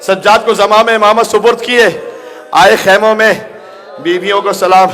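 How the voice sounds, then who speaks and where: Recounting Karbala at a Muharram majlis in a large hall, a Pakistani male preacher gives a mournful sermon that swells into anguished cries and half-sung lament. His bright-ish voice sits high with fairly even intonation, and slight background noise is audible.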